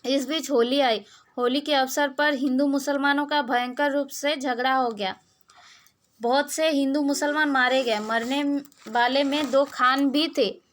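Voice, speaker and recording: A woman teacher reads a story passage aloud to her pupils in a high, bright voice. She then goes back over it in plainer words, stopping to put questions to the class. Her talk is full of small hesitations and restarts. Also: steady tone, unhurried. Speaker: school teacher.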